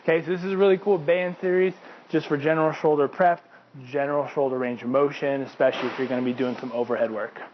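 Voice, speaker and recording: A man's voice: a little high, steady tone, quick pace, highs cut off, slight background noise. A man coaching viewers through banded shoulder stretches, explaining casually while he demonstrates. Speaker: fitness coach. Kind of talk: instructional demonstration.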